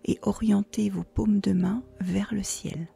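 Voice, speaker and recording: A yoga nidra guide leads a relaxation session in a soft, near-whispered voice of medium pitch, mellow with a creaky edge. She speaks very slowly and calmly, giving soothing instructions with unhurried pauses. Faint music plays behind her.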